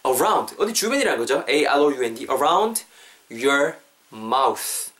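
A man hosting a podcast English lesson. He repeats English phrases slowly and explains them quickly. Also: mid-range voice, sing-song, fairly bright tone. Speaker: English teacher, podcast host.

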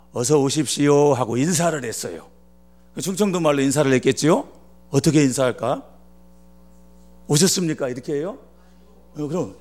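A man's voice: fairly high pitch, a little mellow. A man from Chungcheong preaching as a guest pastor, telling a funny story and acting out its dialogue. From Chungcheong, Korea. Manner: jokey, acts out dialogue in dialect. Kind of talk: humorous sermon storytelling.

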